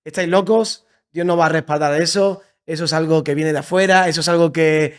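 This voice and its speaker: With a fairly high pitch, a fairly quick pace and a clean tone, an Andalusian-accented church leader in his thirties, originally from Seville, tells his story. He is a guest on a podcast in a Madrid creative studio, and his talk in this casual interview is lively, warm and enthusiastic, with frequent repetitions.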